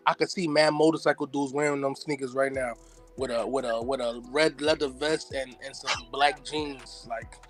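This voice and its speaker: A man's voice: mid-range voice, fairly even intonation, moderate pace, music in the background. A man co-hosting a casual sneaker podcast, joking around in loose slang. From United States. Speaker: podcast co-host.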